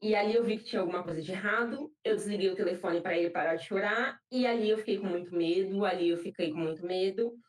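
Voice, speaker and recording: A woman's voice: mid-range voice, fast, few pauses. A young woman with a Brazilian accent giving an emotional personal testimony in church, repeating phrases for emphasis. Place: church hall. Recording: roomy, from a distant mic.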